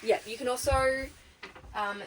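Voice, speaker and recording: A woman's voice: fairly high pitch, fairly even intonation, measured pace, a bit bright. A young woman, chatting casually as she gives a tour of her converted bus and laughs often. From Australia. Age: early 20s. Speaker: vlogger giving a bus tour. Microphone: camera held by her sister. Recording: camera at a distance with background noise.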